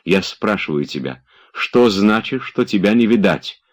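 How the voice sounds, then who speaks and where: A man's voice: on the low side, expressive, a little slow, pitched above the performer's own voice. A man voicing an impatient nobleman who nervously pushes and orders his servants about. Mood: alarmed. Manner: urgent, commanding, nervous. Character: agitated impatient male nobleman.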